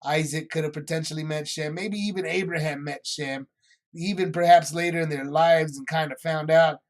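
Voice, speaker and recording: A man's voice: a little high, fairly even intonation, moderate pace. A man leading a Bible study, retelling the story in a loose, rambling way with many asides. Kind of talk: casual Bible teaching.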